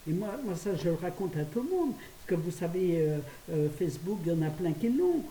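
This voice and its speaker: An older woman from France chatting quickly to her phone camera at home, laughing at her own stories. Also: fairly low pitch, very animated, warm tone. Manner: fast, chatty, laughing at herself. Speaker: vlogger. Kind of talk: casual chat to camera. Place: her apartment, indoors. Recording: roomy, distant phone audio with faint hiss.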